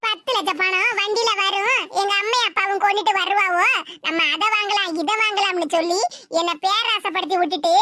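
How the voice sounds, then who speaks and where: A very high, piercing cartoon mother-in-law, voiced by a woman, scolding and taunting in a Tirunelveli Tamil accent. She nags without letup, and loud noise hisses under the whole recording. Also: fairly even intonation, brisk. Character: scolding sharp-tongued village mother-in-law. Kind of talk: cartoon voice acting.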